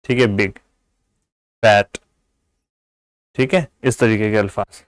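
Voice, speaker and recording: A man giving an English grammar lesson, explaining patiently in Urdu-flavoured Hindi and repeating example words slowly. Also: lowish voice, steady tone, smooth, no room sound, low-quality recording. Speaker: English teacher.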